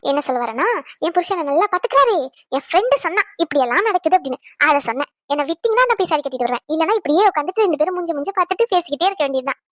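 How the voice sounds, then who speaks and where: A woman voicing a sweet young wife in a cartoon, coy and chirpy, with a very high, quick voice. The recording is dry and close. She keeps taking her husband's side. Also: animated, a bit bright, no echo. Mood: playful. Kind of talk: cartoon dub acting.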